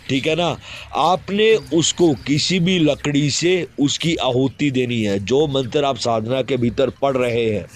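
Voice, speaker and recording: A man explaining a ritual step by step, directive, and constantly filling pauses with a repeated "okay". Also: mid-range voice. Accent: Hindi. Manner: fills pauses with repeated "theek hai". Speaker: occult ritual instructor. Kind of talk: spoken ritual instructions.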